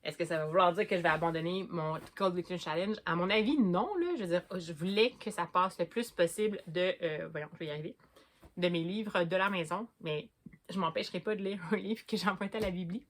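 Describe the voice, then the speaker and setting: A woman's voice: fairly low pitch, steady tone, a little fast. A woman with a Québécois French accent chatting casually about books as a vlogger, hesitating often and restarting her sentences. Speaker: book vlogger.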